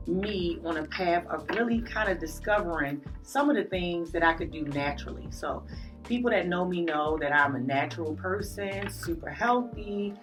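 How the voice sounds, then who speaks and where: A woman hosting a podcast, greeting her audience and guests in an animated, drawn-out way with playful asides. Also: fairly low pitch. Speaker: podcast host. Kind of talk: enthusiastic podcast welcome and interview. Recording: distant mic with faint music behind.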